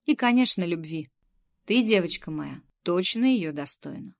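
A fussy middle-aged kindergarten head, as a woman reader puts her on, coaxing one moment and scolding the next. The voice sits low with a gravelly rasp. It comes from a storybook reading. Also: animated. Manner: coaxing, bossy, quick to scold.

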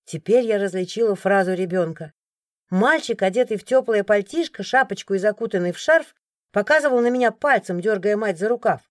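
A woman from Siberia narrating a first-person audiobook in a lively, expressive way. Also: mid-range voice, brisk, no room sound, studio quality. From Siberia, Russia.

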